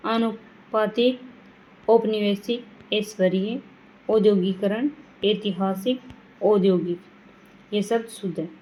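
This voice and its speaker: A woman teaching a grammar lesson, reading words one by one and adding quick reminders to her students. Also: mid-range voice, fairly even intonation, mellow, a little hiss or hum, low-quality recording. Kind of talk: classroom lesson reading word lists.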